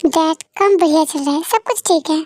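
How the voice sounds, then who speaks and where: Very high-pitched dutiful young daughter, voiced by a woman. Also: brisk, a little mellow, no echo. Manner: soothing, pleading. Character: caring young adult daughter, dutiful and reassuring. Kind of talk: amateur fan audio drama.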